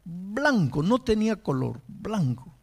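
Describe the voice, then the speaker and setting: A man's voice: high voice, very animated, slow, vocal fry, breathy edge. A male pastor preaching a sermon, telling a story and rising to impassioned emphasis.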